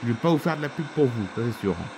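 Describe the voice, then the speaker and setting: A man's voice: medium pitch, lively intonation, rapid-fire, noisy background, voice pushed down, lightly acted. A man voicing an irate airline passenger in a homemade toy-figure film, complaining indignantly and repeating himself.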